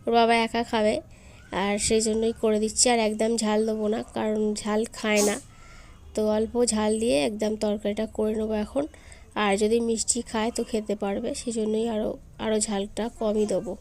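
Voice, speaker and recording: A woman's voice: medium pitch, completely flat delivery, fairly quick, a little mellow, slight background noise. A young woman, unwell with a fever, coaxing her toddler in baby talk and chatting to viewers at home. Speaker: vlogger. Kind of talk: casual home vlog. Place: home, bedroom and kitchen.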